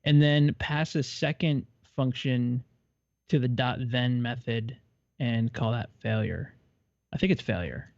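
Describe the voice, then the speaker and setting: Gravelly-voiced guy walking his buddy thru code, relaxed, kinda muffled mic. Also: mid-range voice, a little slow, no room sound. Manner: guides his partner step by step, relaxed and hesitant. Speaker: co-host of a live coding show. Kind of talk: casual coaching during live coding. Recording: slightly muffled, dry mic.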